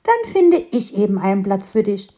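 A woman voicing a lively, helpful young squirrel who calls out eagerly. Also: mid-range voice, normal speed, natural voice. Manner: eager, calling out brightly.

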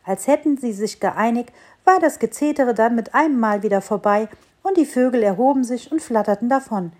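A woman narrating a children's story in a calm, gentle reading voice. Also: on the high side, fairly quick.

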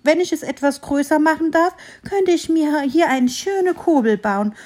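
A woman's voice: sits high, normal speed, darkish tone, voice pushed up, natural voice. A woman voicing a grumpy little squirrel who complains fussily, for a children's story. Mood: eager. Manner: fussy, complaining, exclaiming. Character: grumpy little squirrel, cross and easily upset.

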